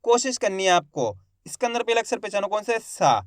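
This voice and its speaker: A man teaching Hindi reading, slowly sounding out each syllable and calling viewers his friends. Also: sits high, sing-song, no echo, studio quality. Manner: slow, drawn-out syllables, addresses viewers as friends. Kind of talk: spelling-out reading lesson.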